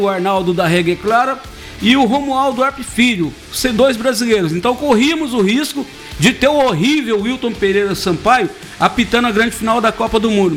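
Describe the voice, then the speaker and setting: A man's voice: high voice, a bit bright. A man from Brazil doing casual, joking sports talk as a radio commentator, teasing his co-hosts.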